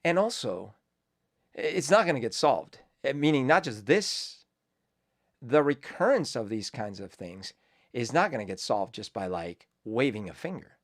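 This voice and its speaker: A man who grew up in Colombia hosts his own show, offering reflective, rambling casual commentary packed with fillers and restarts. His mid-range voice is very animated, though his pace stays measured.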